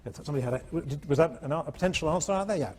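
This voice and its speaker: A male economics professor giving a university lecture, animated and constantly checking in with his students. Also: a little high, very fast, a little hiss or hum. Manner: animated, keeps checking in with "all right?". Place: lecture hall.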